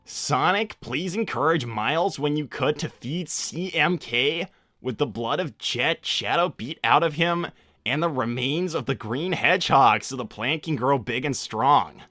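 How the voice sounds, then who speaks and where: A man's voice: medium pitch, measured pace, pushed and bright, no echo. A man voicing a casual, slightly awkward young cartoon hedgehog, rambling hesitantly through an improvised livestream Q&A. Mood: casual, unsure.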